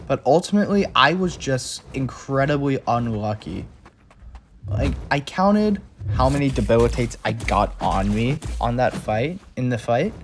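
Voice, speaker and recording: Male gamer narrating, frustrated and rambling, mid pitch, noisy track. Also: sing-song, measured pace. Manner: exasperated, rambling play-by-play complaints. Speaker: game channel creator. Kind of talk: gameplay recap voice-over. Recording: clear background noise.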